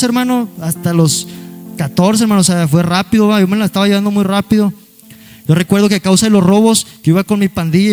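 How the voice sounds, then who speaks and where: A young man with a high-pitched voice tells his story to a congregation. He talks haltingly, repeating words and dropping in short asides to his listeners. Soft instrumental music plays quietly behind him. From Monterrey area, Mexico. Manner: halting, repeats words, keeps adding "hermano" and "¿verdad?"; peppers his talk with "aleluya". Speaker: guest giving a church testimony. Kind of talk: personal testimony to a congregation.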